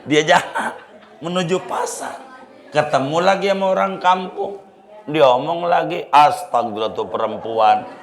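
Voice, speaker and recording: A man's voice: sits high, a little slow. A man preaching a sermon, telling a funny story and repeating phrases and rhetorical questions to the congregation. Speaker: Islamic preacher. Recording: roomy echo of a hall.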